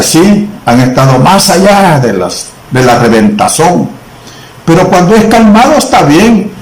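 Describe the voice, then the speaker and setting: A man from El Salvador preaching a sermon in a church, slow and emphatic with long pauses. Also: fairly high pitch, darkish tone, echoey room, poor audio.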